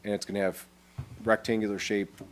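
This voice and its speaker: A man's voice: on the low side, flat delivery, a little fast, a little hiss or hum. A man presenting a development plan at a town board meeting, explaining plainly and casually, with frequent restarts.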